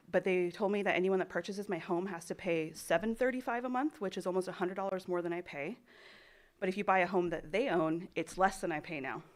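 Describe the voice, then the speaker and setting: Breathless worried woman at a podium. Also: lowish voice. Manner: earnest, worried, with frequent um's. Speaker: public commenter. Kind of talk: public comment at a county meeting. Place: county board meeting room.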